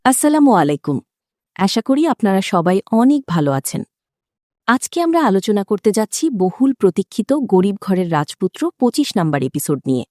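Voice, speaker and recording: A woman narrating a recap of a drama episode in an expressive, dramatic storytelling manner. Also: mid-range voice, moderate pace, no room sound, studio quality.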